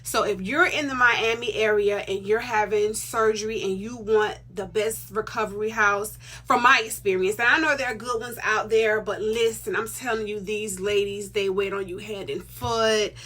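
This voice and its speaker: A woman's voice: mid-range voice, fairly even intonation, normal speed, hardly any pauses, sharp tone. A middle-aged woman vlogging casually to her viewers, emphatic and chatty, repeating herself for stress. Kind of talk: casual vlog talk to viewers.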